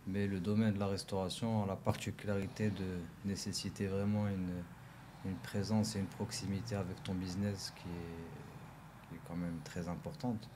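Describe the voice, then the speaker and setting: A man's voice: sits low, little pitch movement, normal speed, a little hiss or hum. A man from Morocco, a restaurant owner as a podcast guest, talking hesitantly and often restarting his sentences. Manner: hesitant, searches for words, many restarts. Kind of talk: casual interview. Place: podcast studio.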